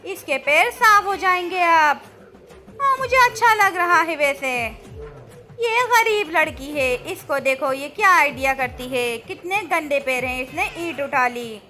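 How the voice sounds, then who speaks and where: Super high-pitched woman doing cartoon commentary, slow and bright, lots of oh no and wow, faint music behind. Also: lively intonation. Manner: exclamatory, childlike, lots of "oh no" and "wow". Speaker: cartoon narrator voicing all characters. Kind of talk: playful cartoon commentary and character voices.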